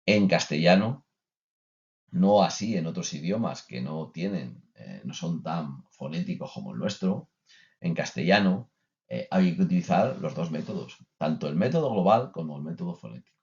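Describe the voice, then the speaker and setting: In a dull, lo-fi recording of a course lecture for teachers, a male teacher trainer speaks conversationally, often restarting and using filler sounds. He has a deep, animated voice with a darkish tone and a moderate pace.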